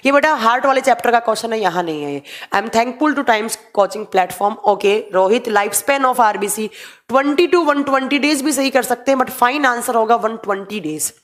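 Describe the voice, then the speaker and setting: Young woman, live-class teacher, higher pitch, easy explaining tone while answering questions from chat. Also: lively intonation, normal speed. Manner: explains in mixed Hindi and English, reads viewer comments aloud.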